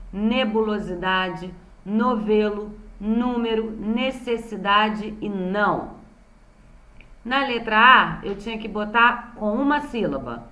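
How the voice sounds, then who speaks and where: A woman's voice: medium pitch, pushed and bright. A woman with a Brazilian Portuguese accent, a primary school teacher recapping a remote lesson for young children and patiently sounding out words syllable by syllable. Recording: roomy echo.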